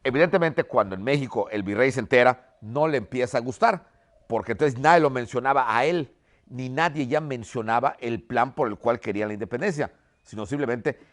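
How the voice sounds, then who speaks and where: A man's voice: mid-range voice, brisk. A man teaching a history class, telling the story and checking in with "ok?" after nearly every point. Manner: checks in constantly with "¿ok?", storytelling lecture. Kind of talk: lecture.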